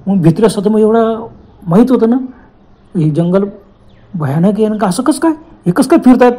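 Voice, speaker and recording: A man's voice: sits high, expressive, moderate pace, warm tone. A man telling a horror story in a casual, conversational way, repeating phrases and acting out the characters' exclamations.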